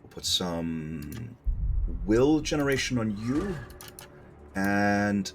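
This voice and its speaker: A man's voice: lowish voice, very animated, drawn-out words, soft background music. A man doing casual let's play commentary, explaining his strategy card by card, with fillers and self-corrections along the way. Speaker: gameplay commentator.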